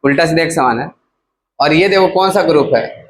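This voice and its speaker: Male chemistry teacher, coaxing call-and-response lecture, voice pitched a bit high, faint noise behind. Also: a little fast, rough recording. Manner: keeps asking the class to repeat terms; casual, coaxing teacher talk. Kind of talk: classroom lecture.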